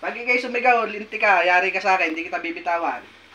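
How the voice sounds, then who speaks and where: A man performing a folk healing ritual, sternly commanding and scolding his patient and sometimes speaking quietly to viewers. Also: sits high, fast, muffled recording. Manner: loud, forceful voice that drops to quiet asides. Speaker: folk healer.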